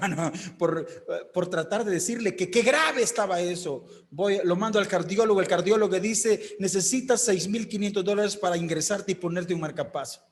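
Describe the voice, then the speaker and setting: Man preaching, emphatic, acts out the quotes, echoey hall. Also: sits high. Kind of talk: sermon.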